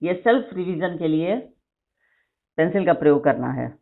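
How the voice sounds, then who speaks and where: A woman teacher dictating a vocabulary list to her class, repeating each word slowly and explaining spelling. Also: low-pitched, expressive, vocal fry. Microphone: phone recording of an online class. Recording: tinny phone-like screen recording.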